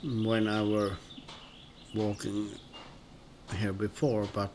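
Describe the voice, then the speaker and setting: A man from northern Sweden with a Swedish accent, commenting on his gameplay in a relaxed, hesitant, musing way with many pauses and restarts. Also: on the low side, slight background noise. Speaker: gaming video host. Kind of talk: relaxed let's-play commentary.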